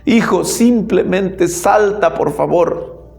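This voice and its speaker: A man's voice: sits high, slow pace, gravelly, a little mellow, soft background music, voice pushed up, full character voice. A man preacher voicing a desperate father urging his son to jump, calling out urgently.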